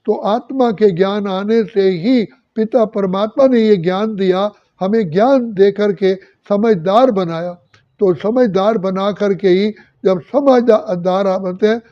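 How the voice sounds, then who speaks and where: An older man delivers a spiritual discourse in a slow, measured way, his voice set high and mellow. He lists virtues one at a time. The recording sounds dull and lo-fi. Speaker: spiritual teacher.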